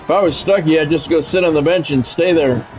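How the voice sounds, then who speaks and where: Faint music plays behind this sports video game streamer and commentator, whose male voice is on the high side, fairly quick, and darkish in tone. He narrates video game football in clipped bursts, tossing in casual, dry, blunt remarks. The lo-fi mic sounds dull and carries faint noise.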